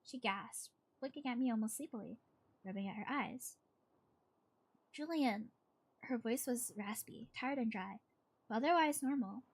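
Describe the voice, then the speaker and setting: A woman reading a horror story aloud like a horror host, dramatic and suspenseful, with pauses and the odd stumble. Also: on the high side, breathy edge. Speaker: streamer reading horror stories to a live chat.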